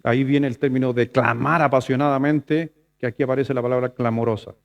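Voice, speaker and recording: Chilean pastor preaching, lively and conversational. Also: male voice, medium pitch, fairly quick, gravelly, highs cut off. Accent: Chilean Spanish. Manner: conversational preaching, swings between loud emphatic and soft asides. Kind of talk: sermon.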